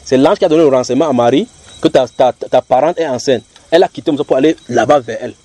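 A man's voice: medium pitch, fast talker, warm tone, no echo. A man hosting a heated religious debate, insistent, repeating himself and cutting in.

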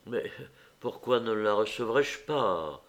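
A man's voice: lowish voice, lively intonation, slow, a bit bright. A man reading aloud, voicing a weary, grieving mother who sounds tired and guarded. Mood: bitter.

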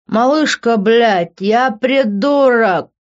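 A woman's voice: on the high side, takes it slowly, pitched above the performer's own voice. Woman voicing a drunk, slurring young man. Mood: drunk, angry. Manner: slurred, swearing, yelling. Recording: dull lo-fi recording.

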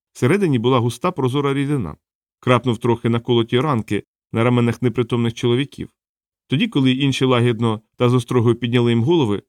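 A man's voice: medium pitch, a little mellow, no echo. Man reading an audiobook, dry close sound. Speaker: audiobook narrator. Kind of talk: scripted narration.

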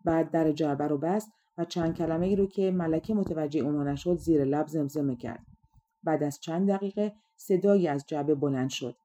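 Mellow-voiced woman reading a fairy tale. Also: sits low. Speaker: audiobook narrator. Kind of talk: storytelling narration.

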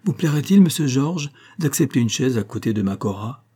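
A man doing a hoarse, jovial old grocer. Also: medium pitch, normal speed, voice pushed up, natural voice. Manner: warm and cordial. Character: kindly elderly male grocer, jovial.

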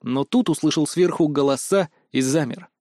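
A male narrator reads a first-person adventure in a tense, expressive way. His voice sits slightly high. The recording is close and dry. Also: normal speed, no room sound. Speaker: audiobook narrator.

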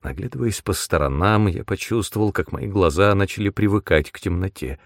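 A man narrating a fantasy audiobook in the first person with measured storytelling. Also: low-pitched, dry recording, studio quality.

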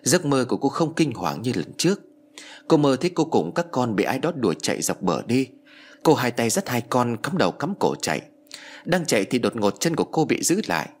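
A man narrating a ghost story in a dramatic, measured manner. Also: mid-range voice, sing-song. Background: background music.

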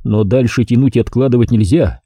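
Dark, husky male audiobook narrator. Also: medium pitch, brisk, no room sound. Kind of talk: first-person audiobook narration. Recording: dry close-miked studio sound.

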